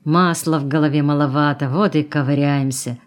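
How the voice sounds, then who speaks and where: A woman's voice: low-pitched, fairly even intonation, normal speed, close to an everyday voice. Plainspoken truck driver, read by a woman. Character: male truck driver, joking, grateful.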